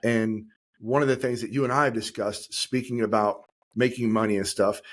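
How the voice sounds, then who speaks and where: A man's voice: fairly low pitch, fairly even intonation, normal speed. A man hosting a podcast, a former police officer, asking loose conversational questions in a casual interview.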